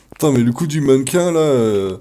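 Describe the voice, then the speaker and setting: A man giving casual commentary while playing a horror game, jumpy, expressive and self-mocking, with swearing. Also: mid-range voice, a little hiss or hum. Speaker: video game player and video maker.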